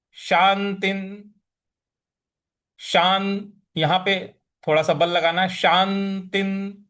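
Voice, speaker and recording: A man's voice: high-pitched, fairly bright tone. A man teaching scripture recitation, drilling pronunciation syllable by syllable and chanting verses in a melodic sing-song. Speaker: Gita teacher. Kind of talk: recitation lesson.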